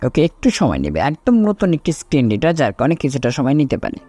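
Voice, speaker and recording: A man presenting a step-by-step software tutorial in an instructional way, repeating each item and then explaining it. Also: medium pitch, huge pitch swings, fast talker, slightly rough, faint music behind.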